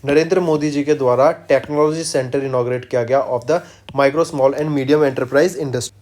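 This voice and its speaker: A man teaching an exam-prep current affairs lesson, switching between Hindi and English, quizzing students with quick questions and answering them himself. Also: medium pitch, fairly even intonation, darkish tone. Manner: drills facts with quick quiz questions and repeats, mixing English phrases into Hindi; slows right down to read English lines word by word.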